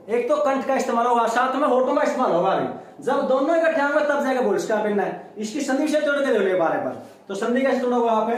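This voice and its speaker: A man, teaching a classroom lesson, repeating sounds and asking and answering his own questions. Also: high-pitched. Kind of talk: classroom lecture. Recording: very echoey room.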